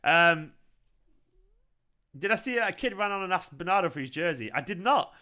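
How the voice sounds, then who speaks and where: A man with a Manchester accent, hosting a live football fan reaction stream, chatting excitedly and swearing while reading viewer comments. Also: high voice, moderate pace. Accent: Mancunian. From Manchester, England. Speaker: football fan channel host.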